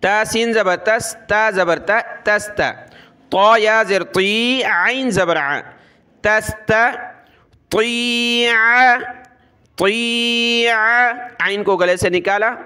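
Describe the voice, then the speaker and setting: High-voiced man teaching slow Quran recitation. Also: sharp tone, clean tone. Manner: slow drawn-out recitation, quick explanations between. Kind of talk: letter-by-letter Quran recitation lesson.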